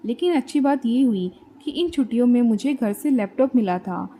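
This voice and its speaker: A woman's voice: fairly high pitch, expressive, normal speed, mellow, a little hiss or hum. A woman narrating a comic coming-of-age story in a conversational, wry style. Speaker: audiobook narrator.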